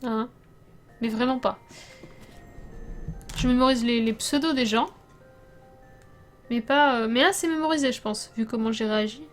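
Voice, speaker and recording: A young woman streaming a game, chatting casually with her viewers, laughing often and sometimes breaking into loud startled outbursts. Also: fairly high pitch, normal speed, long pauses, faint music behind. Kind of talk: casual let's play commentary.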